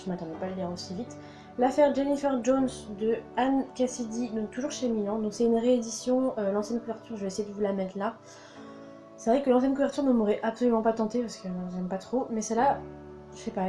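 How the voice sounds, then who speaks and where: A young woman presenting her new books in a casual vlog, enthusiastic and full of fillers and repeated words. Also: a little high. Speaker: book vlogger. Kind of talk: casual book haul chat. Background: soft background music.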